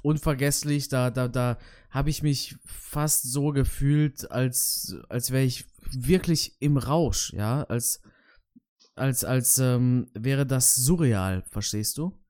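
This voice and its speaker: A podcast co-host speaks slowly in a mid-range, slightly mellow voice during loose chat about martial arts. He sounds hesitant, with many fillers and restarts.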